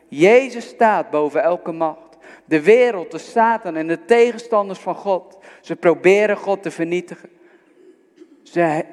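A man preaching a sermon, earnest and exhorting, speaking directly to his listeners. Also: high voice. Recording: long reverb of a large hall.

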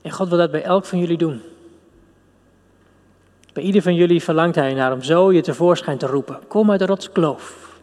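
A pastor delivering a fervent, intimate sermon and prayer with pauses. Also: male voice, fairly high pitch, a little mellow. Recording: long hall reverb.

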